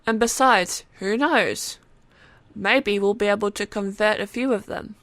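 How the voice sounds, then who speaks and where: A woman's voice: medium pitch, unhurried, fairly bright tone, no echo, close to an everyday voice. A woman voicing a young, perceptive female cat-alien believer who talks in a wry, good-humored way in an audiobook. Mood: cheerful. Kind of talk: audiobook character acting.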